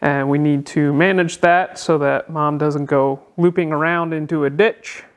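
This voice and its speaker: The speaker, a car builder and channel host, talks at a measured pace in a slightly high voice during a casual walkthrough of a vehicle build. He's in an indoor workshop, explaining in a relaxed way with many filler sounds, and the sound comes from his handheld camera.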